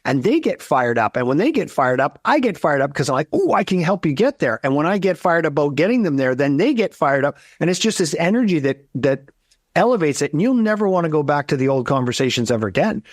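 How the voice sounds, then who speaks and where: A man's voice: on the high side, sing-song, fast, no room sound, clean studio sound. A man hosting an interview podcast as an accountant, talking with energy and enthusiasm, often restarting his sentences. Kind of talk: casual conversational interview.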